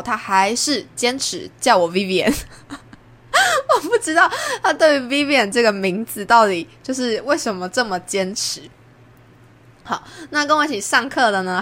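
A young woman from Taiwan with a Taiwanese Mandarin accent, hosting a podcast and chatting through a personal story, jumping up in pitch when she acts out what people said. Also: a bit bright. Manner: chatty, acts out quoted lines with big pitch jumps. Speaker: podcast host. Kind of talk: casual storytelling monologue.

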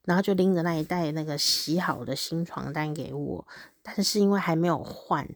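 A woman, reading a personal diary aloud on a podcast. Her voice sits fairly low, and she tells it in a candid, animated way with laughter breaking in. The recording is dry and close, with almost no room sound. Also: normal speed, no room sound. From Taiwan. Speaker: podcast host.

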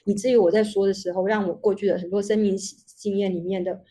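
Mellow husky woman. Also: mid-range voice, steady tone, quick pace. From Taiwan. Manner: long reflective explanations with many restarts. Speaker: guest speaker, researcher. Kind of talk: online panel talk. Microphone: video call.

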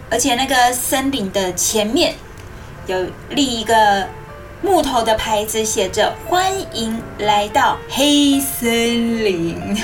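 A high female voice, slightly distant over music. She tells a story as if reading to a toddler, using simple, animated phrases. She keeps turning to her young listeners with coaxing questions. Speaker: host of a children's radio story programme. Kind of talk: interactive storytelling to young children, asking questions.

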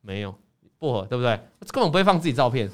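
Animated male host, rapid and expressive storyteller. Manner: animated, acts out quoted people with big pitch jumps. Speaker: podcast host. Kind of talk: casual storytelling chat.

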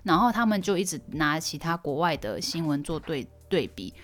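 A woman's voice: low voice, sing-song, fairly quick. A young woman hosting a casual solo podcast. She tells stories expressively, and her voice jumps up when she is surprised. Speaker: podcast host.

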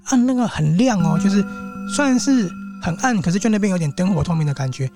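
Casual male host with a Taiwanese Mandarin accent, telling a ghost story in a chatty, animated way, music in the background. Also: high-pitched, quick pace. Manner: chatty, animated, with asides to the audience.

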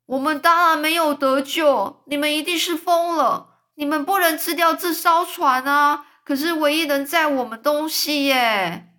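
A woman's voice: sits high, a little slow, voice pushed up. A woman voicing a gloomy, complaining blind earthworm in a storybook reading, whining and panicky. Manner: whiny, panicky, shouts in protest.

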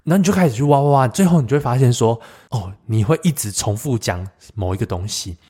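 A young adult man hosting a solo podcast, telling a personal story in a reflective way, often pausing and restarting his sentences. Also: mid-range voice, lively intonation, dark tone, breathy edge. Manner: reflective, halting with many fillers and restarts. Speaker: podcast host.

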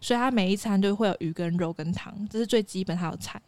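A woman's voice: mid-range voice, quick pace, no echo. A young woman, chatting casually on a podcast and telling family stories, acting out what others said. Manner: animated storytelling, acts out quotes. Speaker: podcast co-host. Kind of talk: casual chat.

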